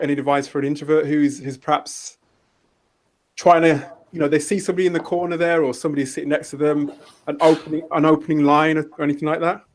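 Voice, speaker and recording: Halting male podcast host asking questions. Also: fairly high pitch, darkish tone. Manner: halting, restarts mid-question. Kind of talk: casual interview questions.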